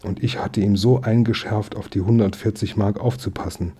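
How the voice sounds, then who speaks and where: Fretful hairdresser mother, flustered and anxious, put on by a male reader; husky, dark tone. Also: lowish voice, steady tone, moderate pace. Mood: scolding.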